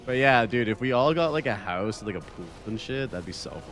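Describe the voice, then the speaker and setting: A man's voice: on the low side, lively intonation, a little fast, fairly bright tone, soft background music. A young man chatting as a guest on a gaming stream, easygoing, laughing and swearing, saying "bro" and "dude". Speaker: guest content creator. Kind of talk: casual gaming chat.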